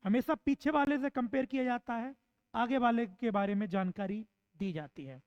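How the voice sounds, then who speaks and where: Woman teacher, high voice, exam-prep lecture; asks and answers her own questions, dull dry lo-fi sound. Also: a little mellow, no room sound. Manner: repeats points slowly to drill them in. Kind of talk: online classroom lecture. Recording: dull, slightly lo-fi dry recording.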